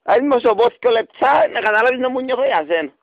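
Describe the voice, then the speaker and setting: A man with a Cypriot Greek accent pleads and rambles theatrically through a radio prank call, cooing pet names. His voice is high and swings widely in pitch. The sound is dry and slightly dull, as from a radio recording. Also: lively intonation, no room sound.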